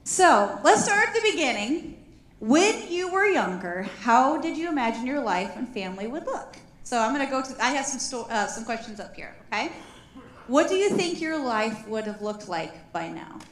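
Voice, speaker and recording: Woman in her forties, fairly high voice, church panel host, echoey sanctuary. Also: very animated, moderate pace. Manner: warm emotional, chokes up with laughter.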